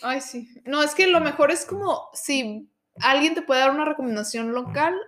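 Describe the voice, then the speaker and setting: A woman's voice: high voice, normal speed, a bit bright. A woman with a Mexican accent co-hosting a podcast, chatting casually and teasing her co-host. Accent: Mexican Spanish. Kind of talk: casual travel chat.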